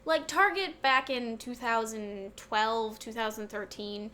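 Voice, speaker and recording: Woman, high voice, excitable and rambly casual podcast co-host, slight room noise. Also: slow. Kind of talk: casual chat.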